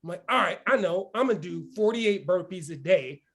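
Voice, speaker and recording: In this morning motivational session, the host, a man around fifty, talks a little fast in a high-sitting voice. He bursts with energy and constantly tosses in "right?" to check in.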